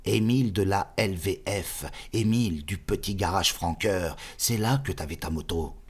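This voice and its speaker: Guy doing old bearded gaucho dude, low gravelly voice, hushed and urgent. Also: moderate pace. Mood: hushed, insistent.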